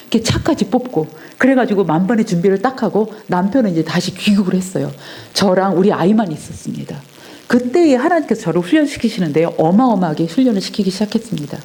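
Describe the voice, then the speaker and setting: A middle-aged woman giving a personal testimony at a Sunday church service, telling her story earnestly and dropping her voice softly at tender moments. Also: medium pitch. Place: church sanctuary.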